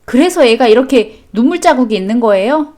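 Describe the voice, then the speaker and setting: A woman's voice: fairly high pitch, expressive, brisk, a little mellow. A woman reading a scripted chat story and voicing a protective young mother who scolds firmly. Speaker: story reader.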